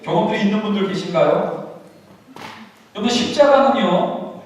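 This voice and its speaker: A man preaching a sermon at a youth retreat, acting out the grumbling of churchgoers in a lively way. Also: high-pitched. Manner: animated, acts out churchgoers' grumbling lines. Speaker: pastor. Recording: echoey hall from far off.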